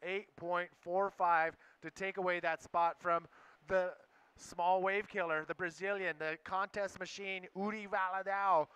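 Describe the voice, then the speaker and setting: A man with a fairly high, bright and crisp voice announces a live bodyboarding contest. He has a laid-back surfer delivery, addressing the audience and his co-commentator as the host of the broadcast. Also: flat delivery, measured pace, no room sound. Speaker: sports event announcer and commentator.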